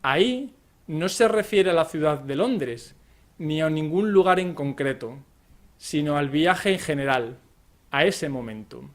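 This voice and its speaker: A man with a Spain accent gives a scripted lesson at a slow, measured pace. His voice sits a little high for a man, and he spells things out with care. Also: expressive. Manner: slow, careful, with acted example phrases. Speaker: Spanish teacher.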